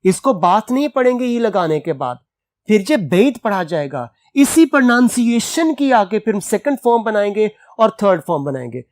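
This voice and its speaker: Slow, lively-voiced English teacher. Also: mid-range voice, no room sound, studio quality. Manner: reads the English slowly, then explains at length; spells words out letter by letter. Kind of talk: reading an English text aloud and explaining it.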